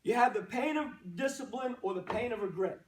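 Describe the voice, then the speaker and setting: Male coach for a pregame pep talk: high-pitched, exhorting, punchy, heard from a distance in an echoey room. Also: fairly quick. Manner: exhorting, punchy short phrases, rhetorical questions. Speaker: coach giving a guest pregame speech. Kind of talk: motivational pregame pep speech to a team. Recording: roomy echo, distant microphone.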